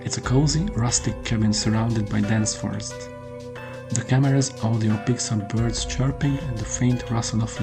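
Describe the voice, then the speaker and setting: A man reading a scripted horror story in the first person, with measured storytelling delivery. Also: fairly low pitch, vocal fry. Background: prominent music under the voice.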